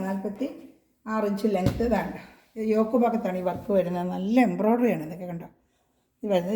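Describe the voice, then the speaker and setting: A woman from Kerala, an online clothing seller, chatting through a casual product showcase at home, speaking as loudly as she can and checking in with listeners again and again. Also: medium pitch, echoey room. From Kerala, India. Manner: chatty, reassuring, repeats tag questions.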